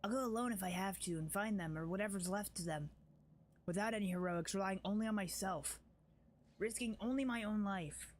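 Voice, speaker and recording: Grim proud tracker woman from a fantasy game, pitched up a bit, a guy reading her lines aloud, faint hiss behind. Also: a little fast, lightly acted. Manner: grim, urgent, dismissive.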